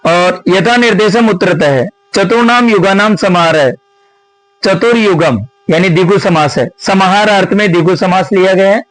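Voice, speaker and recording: A high-pitched man on a rough recording teaches Sanskrit, working through exam answers step by step. He keeps asking questions and answering them himself, addressing his viewers as friends in this answer-key lesson.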